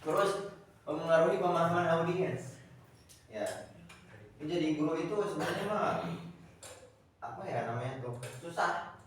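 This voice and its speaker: A man's voice: on the high side, measured pace, pauses often, a little hiss or hum. A man teaching a class, talking. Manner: rambling, with many fillers and repeated words. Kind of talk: classroom lecture. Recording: echoey classroom from far off.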